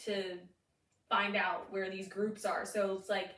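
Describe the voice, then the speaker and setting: A woman's voice: mid-range voice, flat delivery, slow pace, a bit bright. A woman in her thirties co-hosting a podcast in casual chat, filling her talk with "like" and laughing often. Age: 30s. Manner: chatty, heavy use of "like", frequent laughs. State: hiccups. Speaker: podcast co-host. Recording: roomy sound, distant mic.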